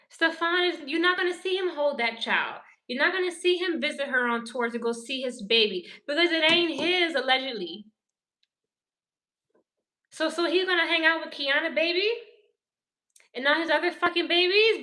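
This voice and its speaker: A woman's voice: sits high, pushed and bright. A woman from New Orleans ranting profanely in casual livestream commentary, answering her chat. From New Orleans, Louisiana. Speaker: pop culture commentator.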